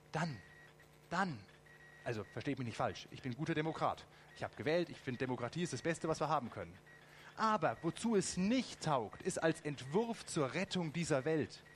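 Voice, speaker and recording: A man preaching a lively sermon, asking the congregation direct questions and adding ironic asides. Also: a little high, a little hiss or hum.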